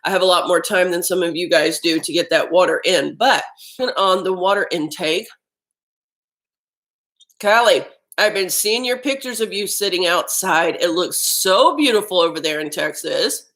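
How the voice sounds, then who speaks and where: A woman's voice: lowish voice, moderate pace, a bit bright, poor audio. A woman hosting a casual live-stream chat about healthy eating, talking while she eats lunch at home. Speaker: health vlog host.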